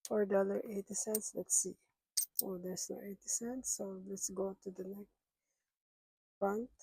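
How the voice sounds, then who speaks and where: A woman's voice: mid-range voice, steady tone, measured pace, mellow, breathy edge, no room sound, rough recording. A middle-aged woman who is sick, vlogging about her budget and murmuring as she counts cash aloud, half to herself. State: sick, rough voice. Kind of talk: casual counting-along vlog.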